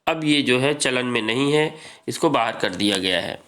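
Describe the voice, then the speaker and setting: A man teaching an exam-prep grammar lesson, explaining slowly and repeating points while addressing students as friends. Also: medium pitch, lively intonation, a bit bright.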